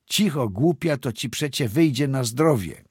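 A man's voice: mid-range voice, lively intonation, a little slow, darkish tone, husky, no room sound, studio quality, pitched above the performer's own voice. A man voicing a poor village widow and mother who speaks sharply and pleadingly, in a storybook reading. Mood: scolding.

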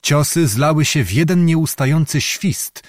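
A man reading a historical novel aloud in measured, dramatic scripted narration. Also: fairly high pitch, animated, dry recording, studio quality. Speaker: audiobook narrator.

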